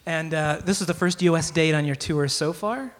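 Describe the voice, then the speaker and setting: Higher-voiced man interviewing a band. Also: normal speed. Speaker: radio interviewer. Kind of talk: casual live interview.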